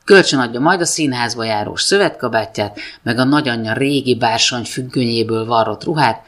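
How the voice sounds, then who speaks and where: Woman reading a wry comic story. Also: rumbling low. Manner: dry, wry comic delivery. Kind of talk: first-person humorous story reading.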